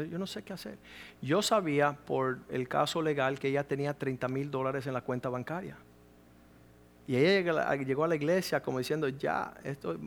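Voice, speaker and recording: A man's voice: on the high side, slight background noise. A middle-aged man preaching a sermon as a pastor, telling stories and acting out the voices of people in them. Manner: animated storytelling, acting out quoted voices.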